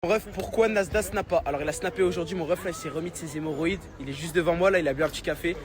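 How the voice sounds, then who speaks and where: A man's voice: fairly high pitch, rapid-fire. A man recording a casual vlog on his phone, playful and teasing. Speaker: Snapchat vlogger.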